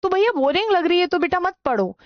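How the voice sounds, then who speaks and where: A woman teaching a grammar class, dictating slowly with repeated words and quizzing her students with frequent questions. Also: very high voice, animated, no echo, dull audio. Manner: slow dictation, repeating words for note-taking. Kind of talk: Hindi grammar class lecture.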